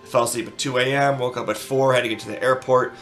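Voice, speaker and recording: Bright-voiced man rambling in a casual vlog. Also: mid-range voice, fairly even intonation, quick pace, soft background music. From Arizona, US. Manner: rambling, with many fillers and restarts. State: sleep deprived. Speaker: gaming video creator.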